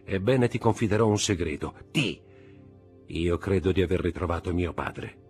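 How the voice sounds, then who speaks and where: A man reading aloud, voicing a cocky, impatient young man who talks in quick, offhand bursts. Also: deep voice, a little mellow, breathy edge, soft background music. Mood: boastful.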